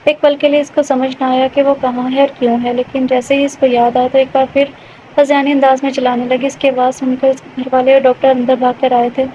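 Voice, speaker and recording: A woman narrating a romance audio novel in a steady, matter-of-fact reading. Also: high-pitched. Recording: dull lo-fi with faint hiss.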